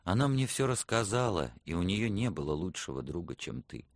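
A broken young man, hoarse and tearful in his grief, as a male audiobook reader voices him. The voice is very deep and dry, close to the microphone. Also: big pitch swings, a little fast, no echo. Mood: grieving. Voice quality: hoarse, husky.

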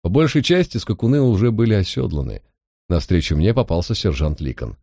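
A man narrating an audiobook in a steady, even storytelling manner. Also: deep voice, a little fast, vocal fry, no echo, studio quality.

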